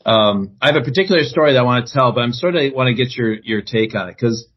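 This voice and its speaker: Man, podcast co-host, casual chat, muffled lo-fi low-quality stream, no headset, mid pitch. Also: animated, quick pace, husky. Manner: chatty, poses questions to the group. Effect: low-quality stream audio from a weak internet connection, no headset. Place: on the road, away from home. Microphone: no headset, built-in device mic. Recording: dull lo-fi internet call audio.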